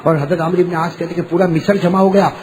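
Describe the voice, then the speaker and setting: A man preaching a storytelling sermon, swinging from quiet talk to loud shouting and calling on the audience to answer. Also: sits high, steady tone, fast, long reverb tail, crowd noise. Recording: noisy live sermon recording.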